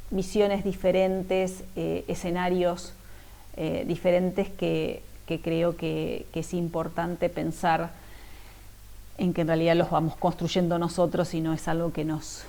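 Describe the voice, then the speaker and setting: An Argentine woman gives a conference keynote in a flat, low voice. Her tone is dark and mellow with a gravelly fry. She hesitates and restarts a lot as she talks. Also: rough recording. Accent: Argentine Spanish. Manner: hesitant, many fillers and restarts. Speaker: industrial designer giving a keynote talk.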